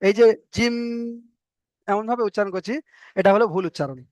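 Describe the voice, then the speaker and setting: A man with a Bengali accent and a fairly high voice, teaching Arabic letters in a patient, step-by-step way. He repeats each letter name and stretches the vowels to show the right length. The sound is close and dry, with no room around it. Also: expressive, fairly quick, darkish tone, dry recording. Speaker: Quran reading teacher. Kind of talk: explanatory online lesson.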